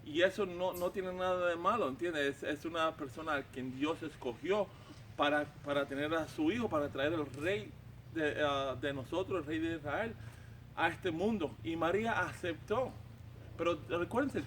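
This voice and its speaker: A man's voice: a little high, moderate pace, a bit bright, slight background noise. Man teaching the Bible informally. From Cuba. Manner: conversational, often checks in with listeners; repeats words and restarts phrases.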